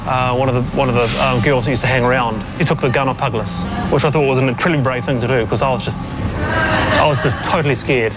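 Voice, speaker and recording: An earnest man talks through his memories, stumbling over restarts and filling gaps with "you know." His pitch sits in the middle range. Music plays clearly beneath his voice. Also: big pitch swings, fast talker, rough recording. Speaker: interviewee. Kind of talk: documentary interview recollection. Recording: clear background music under the voice.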